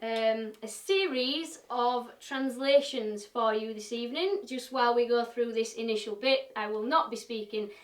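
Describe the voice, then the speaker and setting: A woodturner from Yorkshire, England, with a broad accent and higher voice, hosts a chatty live-stream demo from her home workshop, talking through each step and poking fun at herself. She speaks at a measured pace with hardly any pauses. The workshop is roomy and echoey, and she sounds distant and off-mic.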